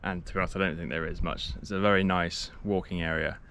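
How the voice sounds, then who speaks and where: A man's voice: low voice, fairly even intonation, fast talker, fairly bright tone, slight background noise. A young man chatting to an action camera held at arm's length outdoors during a cycling trip, rambling and correcting himself as he goes. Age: young adult. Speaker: cycle touring vlogger. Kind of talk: casual vlog to camera. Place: outdoors on a sunny coastal path.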